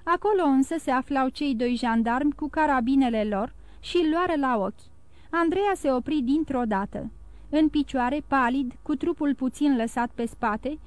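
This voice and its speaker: High-voiced woman reading a novel. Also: dry recording. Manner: steady storytelling reading. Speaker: audiobook narrator. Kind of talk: scripted narration.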